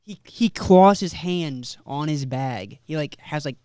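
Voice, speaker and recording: A young man chatting on a podcast, halting and repeating himself, with crude jokes. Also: on the high side, a little mellow, clean tone. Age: young adult. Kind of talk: casual chat.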